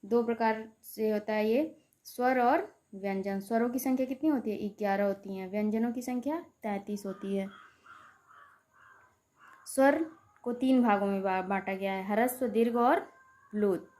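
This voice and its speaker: A woman's voice: medium pitch, normal speed, darkish tone. A woman teaching a grammar lesson for exam students, explaining step by step, repeating terms and drawing out vowel sounds. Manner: asks rhetorical questions to the class.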